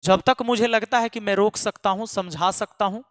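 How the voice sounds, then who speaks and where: Emphatic high-voiced man scolding students. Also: steady tone, moderate pace, fairly bright tone, no room sound, clean studio sound, big-room sound. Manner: emphatic and scolding, repeating lines for force. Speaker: online exam-prep math teacher. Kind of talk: impassioned address to students.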